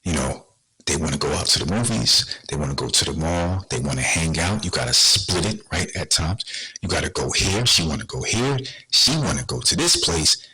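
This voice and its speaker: Podcast host, male, bright and lively delivery, streetwise slang, talks straight to camera. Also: very deep voice, normal speed, slightly rough, low-quality recording. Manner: blunt, rhetorical questions, streetwise slang. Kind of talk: casual monologue to viewers.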